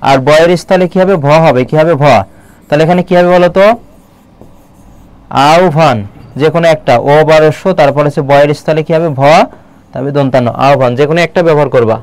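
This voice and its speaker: Fast, crisp-voiced male tutor quizzing viewers. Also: fairly high pitch, darkish tone, no echo. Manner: quizzing viewers with repeated questions; slows down to read poem lines aloud. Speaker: online admission-prep Bangla teacher. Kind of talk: live online lecture.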